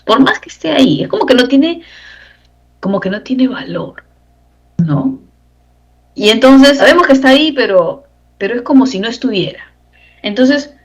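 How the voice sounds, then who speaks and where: A woman's voice: medium pitch, poor audio. A woman teaching a grammar lesson for exam preparation, explaining step by step and checking in with rhetorical questions. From Peru. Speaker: language teacher. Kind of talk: exam-prep lecture.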